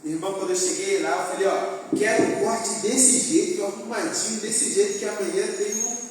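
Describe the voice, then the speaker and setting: A young man tells a humorous personal testimony from the pulpit, with animated storytelling and rhetorical questions to the congregation. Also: high-pitched, brisk. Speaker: youth speaker. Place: church hall. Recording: echoey church hall from far off with faint noise.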